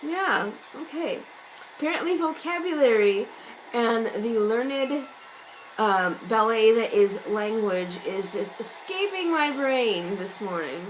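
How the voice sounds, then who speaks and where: Hoarse woman chatting over loud rain sounds. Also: a little high, animated, unhurried, background noise. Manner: chatty, meandering, self-mocking. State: losing her voice, hoarse. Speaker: vlogger. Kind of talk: casual musing vlog. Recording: loud rain and thunder sounds from an app behind the voice. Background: rain and thunder ambience sounds.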